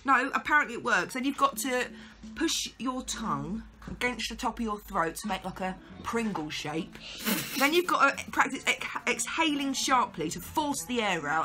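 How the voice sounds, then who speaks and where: A woman in her thirties with a British accent, chatting casually and jokily in an excitable, giggly way as a vlog co-host. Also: a little high, normal speed. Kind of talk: casual, jokey challenge chat.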